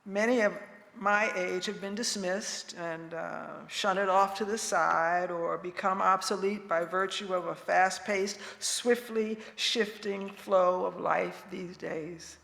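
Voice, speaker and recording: A woman in her seventies gives a poetic reflection to a congregation, speaking in a calm, gentle, wise way with deliberate pauses. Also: on the low side, gravelly. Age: 70s. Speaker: retired minister, guest speaker. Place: large reverberant indoor room, speaking to a congregation. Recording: echoey hall with long reverb.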